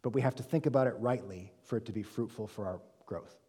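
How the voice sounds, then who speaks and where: A man teaching a Bible study class in a relaxed lecture style, often checking in with his listeners and pausing on "um" as he thinks. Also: on the low side, husky. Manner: conversational, checks in with "right?" and "okay?"; frequent "um" fillers and self-corrections. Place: reverberant room with a live group. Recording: long room reverb.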